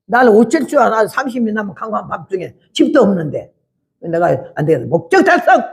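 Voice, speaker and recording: Gravelly-voiced woman in her eighties preaching. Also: medium pitch, expressive, fast talker. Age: 80s. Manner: blunt, rough-spoken storytelling; dramatic, acts out scenes loudly. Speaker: missionary preacher. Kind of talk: testimony sermon.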